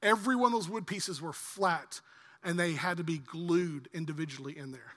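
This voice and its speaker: A male pastor preaching a sermon, animated, swinging from loud emphasis to quiet low asides. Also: moderate pace, in a large hall.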